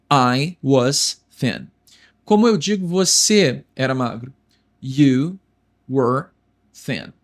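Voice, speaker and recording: A young man with a Brazilian Portuguese accent teaching an English lesson, slowly repeating words for the viewer. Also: on the high side.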